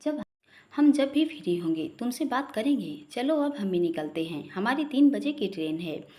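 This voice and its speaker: A woman's voice: on the high side, very animated, moderate pace. A woman reading a sad young girlfriend. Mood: sad, reassuring. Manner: soft, sad, reassuring. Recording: roomy echo.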